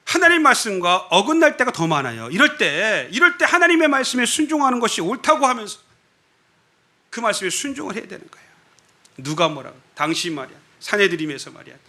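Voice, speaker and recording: A man's voice: high voice, sing-song, fairly quick, pushed and bright. A man preaching a sermon at a church worship service as its pastor, talking animatedly and prodding the congregation with frequent rhetorical questions.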